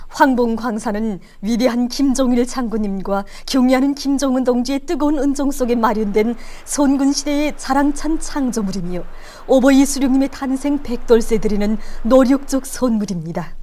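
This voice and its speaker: North Korean woman news announcer, higher-pitched voice. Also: darkish tone. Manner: formal, declamatory delivery. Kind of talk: scripted news narration.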